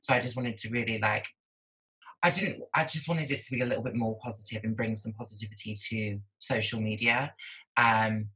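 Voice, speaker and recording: A woman speaks as a podcast guest over a video call. Her voice is bright and forward. She talks candidly in a loose, chatty way, full of "like" fillers. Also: a bass voice, fairly even intonation, fairly quick, rough recording. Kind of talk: casual conversation.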